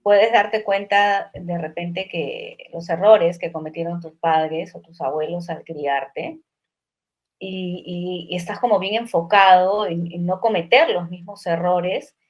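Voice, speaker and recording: A middle-aged woman co-hosting a podcast, a psychologist talking in a relaxed, reflective way, often pausing with fillers and asking "right?". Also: on the low side, highs cut off. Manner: reflective, many fillers and tag questions. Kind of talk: casual conversation.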